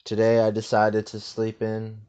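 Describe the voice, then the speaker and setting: Slow, soothing deadpan man. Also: fairly low pitch, smooth, dull audio. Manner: slow, calm, soothing delivery with deadpan repetition. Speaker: host of a parody meditation video. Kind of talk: deadpan parody of a guided meditation.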